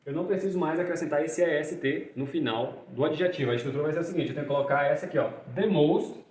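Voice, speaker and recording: A man teaching English grammar, ending phrases with a questioning "tá?" and slowing down to spell out and repeat examples. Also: fairly high pitch, darkish tone. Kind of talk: explaining grammar in Portuguese. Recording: roomy echo.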